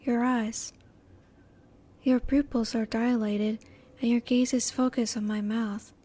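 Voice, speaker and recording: This woman voices a female alien for an intimate audio roleplay, using a slightly high but very soft, relaxed tone. Measured and formal, she stays politely clinical and inquisitive while keeping feelings in reserve, sounding intrigued yet restrained.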